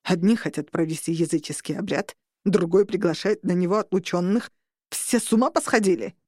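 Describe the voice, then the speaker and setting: A man's voice: high-pitched, brisk, darkish tone, no room sound, studio quality. A woman voicing a stern male war priest who scolds the others. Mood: indignant. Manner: stern, indignant.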